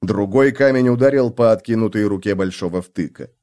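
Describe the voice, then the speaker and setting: A man narrating an audiobook in a scripted, expressive reading. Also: on the low side, fairly quick.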